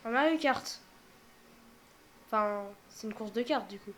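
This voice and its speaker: A young woman casually reacting out loud to a game showcase, thinking aloud with many fillers and now and then dropping to a whisper. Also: on the high side, measured pace, slight background noise. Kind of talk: casual live reaction commentary.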